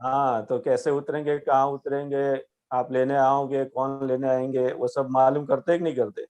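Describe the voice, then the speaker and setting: A man with a Gujarati accent giving a gentle spiritual teaching, patiently checking that his young listener understands. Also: mid-range voice, little pitch movement, moderate pace, dull audio.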